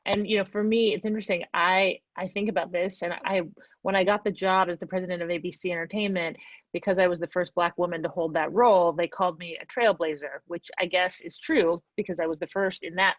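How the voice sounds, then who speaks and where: A woman's voice: on the low side, no echo, lo-fi sound. A woman moderating a panel discussion, guiding questions and responding appreciatively.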